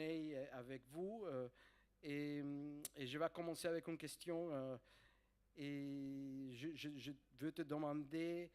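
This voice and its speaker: A man who is not a native French speaker, with a foreign accent in French, introducing a guest to an audience in a halting way, repeating words as he searches for phrasing. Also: mid-range voice, a little mellow. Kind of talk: live spoken introduction to an audience.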